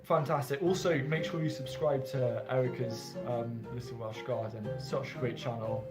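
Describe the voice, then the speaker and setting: A man's voice: mid-range voice, steady tone, normal speed, roomy sound, loud music behind the voice. A young man hosting a casual live-stream chat, chatty and rambling with lots of enthusiasm. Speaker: host.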